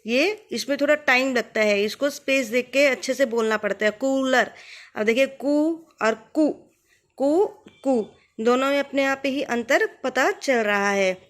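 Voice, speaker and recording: A woman teaching a writing lesson, who speaks to the viewer patiently and stretches the example words out slowly. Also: fairly high pitch. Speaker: Hindi teacher. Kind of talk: explaining a Hindi writing lesson.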